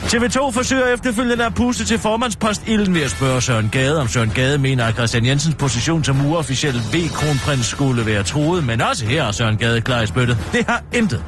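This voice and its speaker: A man's voice: a little high, natural voice. A man playing a pompous snobbish woman. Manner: haughty, theatrical, swooping delivery. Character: pompous snobbish woman, self-important hostess. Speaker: comic news reader.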